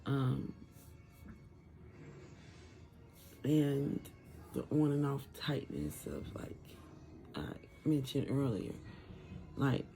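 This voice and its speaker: A tired, medicated twenty-nine-year-old with a sore, muffled, thick voice from a swollen throat after tonsil surgery, talking casually and haltingly to camera. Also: mid-range voice, very animated, creaky, mellow, soft background music. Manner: halting, rambling. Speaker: vlogger sharing surgery recovery. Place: room at home.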